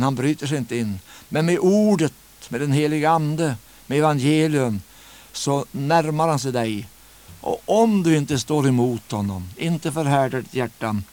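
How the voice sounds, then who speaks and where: An earnest male preacher delivering a sermon at a middle pitch. He presses his listeners with direct rhetorical questions and slows down to stretch the words he wants to stress. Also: a little mellow.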